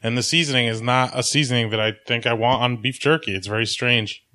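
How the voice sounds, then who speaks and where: A man's voice: medium pitch, fairly even intonation, fast talker, pushed and bright. A man in a casual snack review, blunt and openly disgusted.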